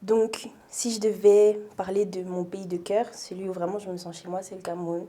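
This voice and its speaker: A young woman from France, a guest in a casual interview, speaking reflectively with hesitant pauses and fillers. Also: medium pitch, little pitch movement, mellow.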